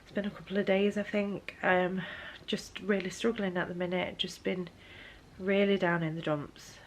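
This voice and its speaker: A young woman chats in a casual vlog update, tired and hesitant, with many ums. Her voice sits a little low, and she talks close to the camera. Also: level tone, moderate pace, slight background noise. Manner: hesitant, lots of ums, soft and weary. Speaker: book vlogger.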